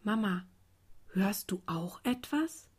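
A woman voicing a small, weary daisy child in a storybook, speaking softly and gently. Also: fairly high pitch, slow pace. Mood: whispering faintly. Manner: soft, weary, hushed. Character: tiny tired young daisy child.

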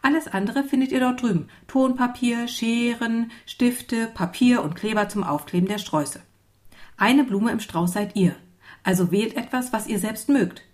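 A woman's voice: a little high, normal speed, darkish tone, voice pushed up, lightly acted. A woman voicing a friendly female schoolteacher who speaks patiently and encouragingly to small children. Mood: welcoming.

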